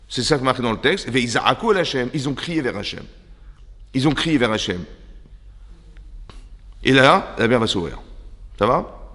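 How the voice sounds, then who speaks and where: A man with a French accent giving a religious lesson to a women's class as a rabbi, animated and throwing rhetorical questions at his listeners. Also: medium pitch, husky, big-room sound. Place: seminary classroom.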